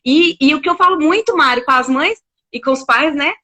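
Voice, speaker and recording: Fast-talking, high, bright woman host. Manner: fast and chatty, addresses the audience directly. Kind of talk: casual conversation.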